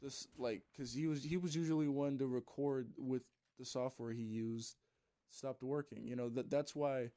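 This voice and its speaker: A man's voice: mid-range voice, steady tone, normal speed, warm tone. A man, a gaming YouTuber, rambling through a casual story with loose swearing and plenty of fillers.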